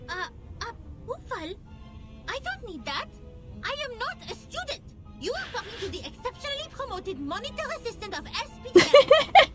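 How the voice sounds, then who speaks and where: A woman's voice: very high voice, big pitch swings, moderate pace. Prim, self-important young girl official. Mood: flustered. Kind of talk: game voice acting. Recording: game music behind voice.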